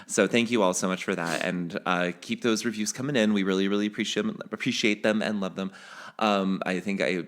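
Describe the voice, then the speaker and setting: A man with a fairly low voice co-hosts a relaxed podcast. He talks in loose, rambling sentences, restarts often and laughs easily as he chats with his co-host. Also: brisk. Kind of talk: casual podcast chat.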